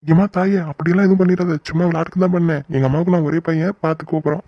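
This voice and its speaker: A playful cartoon husband who loves to tease his wife's family. He talks quickly in a slightly high, dry voice. The sound is a bit dull and lo-fi. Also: fairly even intonation, no room sound. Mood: teasing. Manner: playful teasing, joking. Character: good-natured teasing husband, brother-in-law. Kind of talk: cartoon voice acting.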